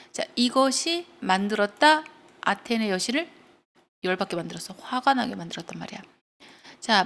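A woman teacher walks students through English grammar, explaining each point patiently and asking whether they follow. Her pitch sits right in the middle for a woman, and she breaks up the grammar with lively storytelling. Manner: explains step by step, checks in with students.

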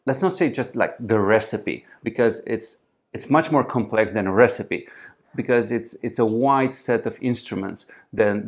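A man, answering interview questions in English as a startup founder, with frequent restarts and fillers, recorded seated in a small conference room. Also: on the low side. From Romania. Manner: halting, frequent restarts and fillers, gestures while talking.

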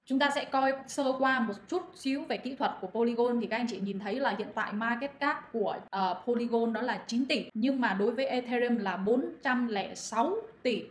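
Woman going over crypto charts, lots of ums, echoey room. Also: on the high side. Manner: addresses listeners as anh chị, many fillers. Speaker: crypto channel moderator. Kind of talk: crypto market explainer. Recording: echoey room, faint noise.

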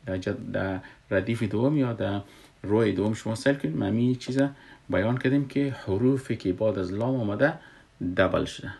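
A man's voice: on the low side, vocal fry, darkish tone. A man teaching recitation rules patiently, repeating himself and asking rhetorical questions. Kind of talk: explaining a lesson.

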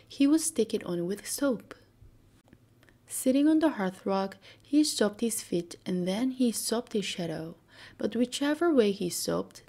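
A woman narrating a children's storybook in a soft, soothing whispered role-play style for sleep. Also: medium pitch. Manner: soft, slow, soothing bedtime reading.

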